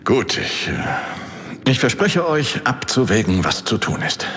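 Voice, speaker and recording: A man's voice: mid-range voice, very animated, slow pace, a bit bright. A haughty castle chancellor, speaks with hugely varied intonation. He is skeptical and dismissive in formal archaic words, a gothic audio drama figure in long reverb. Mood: grudging, measured.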